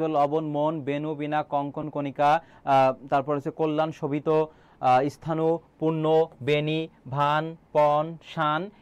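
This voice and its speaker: A man's voice: on the high side, clean tone. A young man teaching an online exam-prep class, quizzing students and repeating key answers, with frequent filler sounds.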